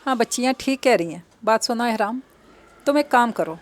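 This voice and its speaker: A woman voicing an elderly, affectionate grandmother who talks in a gentle, coaxing way. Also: on the high side, animated, close to an everyday voice.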